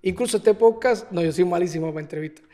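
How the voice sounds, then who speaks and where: High-voiced man hosting a podcast. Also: quick pace, dark tone, in a large hall. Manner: chatty, rambling with many restarts. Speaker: podcast host. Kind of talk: casual podcast conversation.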